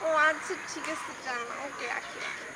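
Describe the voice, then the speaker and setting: A woman's voice: sits high, big pitch swings, normal speed, very noisy. An actress playing a pampered young woman who talks in coy, whiny baby-talk on the phone. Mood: coy whining.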